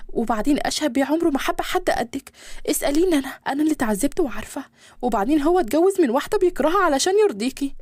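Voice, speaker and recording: A woman with an Egyptian accent voicing a humble young maid who pleads earnestly in a high voice in a storybook reading. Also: a little mellow, dry recording, clean studio sound. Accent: Egyptian Arabic.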